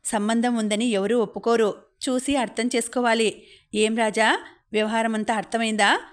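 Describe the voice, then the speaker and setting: A woman's voice: on the high side, flat delivery, normal speed, lightly acted. A woman voicing a scheming young man who mocks and needles his friend in an audiobook. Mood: taunting. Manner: mocking, needling.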